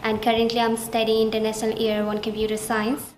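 A woman's voice: a little high, brisk, slight background noise. A young woman from Nepal, an international student, answering interview questions with many hesitations and fillers. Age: young adult. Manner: hesitant, many fillers, flat steady delivery. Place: small indoor study room. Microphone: camera at chest framing. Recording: roomy indoor echo, faint ambience.

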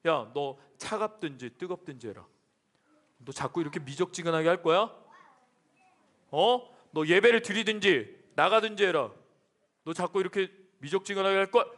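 A firm, scolding Jesus, as a male preacher puts him on for children, issuing direct commands. The voice sits very high with bright, lively swings. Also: moderate pace. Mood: commanding, scolding. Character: stern Jesus scolding a lukewarm church.

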